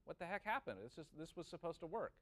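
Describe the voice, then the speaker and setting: Talking fast and with lots of animation, an audio engineering teacher thinks his way through a calculation in a loose classroom session. His voice is on the high side, and he keeps asking short questions to check in.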